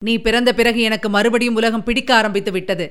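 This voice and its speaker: A woman voicing a gentle emperor father. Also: fairly high pitch, steady tone, fairly quick, smooth, lightly acted. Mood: reassuring. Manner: gentle, soothing, reasoning. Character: kindly emperor father, calm and patient.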